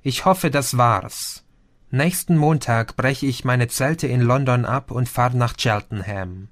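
A man voicing a calm young man who reports events in a matter-of-fact way. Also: medium pitch, slow.

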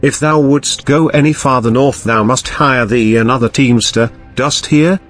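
A man's voice: mid-range voice, measured pace, a bit bright, soft background music. A man voicing a surly, pleading male peasant coachman in archaic, whining speech.

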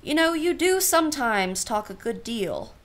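A woman's voice: sits high, very animated, measured pace, fairly bright tone, full character voice. A woman playing a genteel society aunt in a radio play, speaking with arch formality and dry irony. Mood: guarded, ironic. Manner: arch, formal, dryly ironic. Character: wry, genteel society aunt, privately exasperated.

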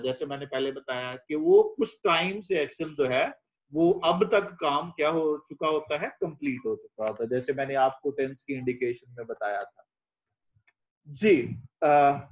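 A man's voice: on the high side, darkish tone. A middle-aged man from Pakistan giving an English lecture in Urdu, quizzing students and translating line by line. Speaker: English teacher.

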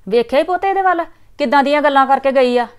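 An actress playing a middle-aged mother, defensive and quick to scold. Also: sits high, close to an everyday voice.

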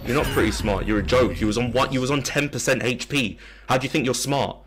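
A man's voice: medium pitch, fast talker, noisy background. A male streamer trash-talking opponents, taunting and insulting them with scornful repeated questions. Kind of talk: live-stream trash talk. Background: game music.

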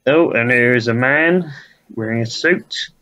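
A man talks over a video in an improvised director's commentary, in a mid-pitched voice. He rambles and mocks, with plenty of hesitations. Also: unhurried, pushed and bright, highs cut off. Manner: rambling, mocking, full of hesitations.

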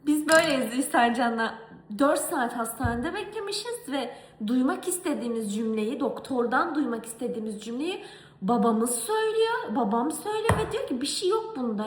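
A woman's voice: sits high, moderate pace, a little hiss or hum. Exasperated young woman in an echoey kitchen. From Turkey. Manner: animated, exasperated storytelling. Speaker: vlogger. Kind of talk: casual storytelling vlog while cooking. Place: home kitchen.

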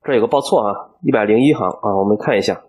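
A man teaching a coding tutorial over a screen recording, explaining each step aloud and filling pauses as he thinks. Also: fairly low pitch, a little mellow, husky. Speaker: programming instructor.

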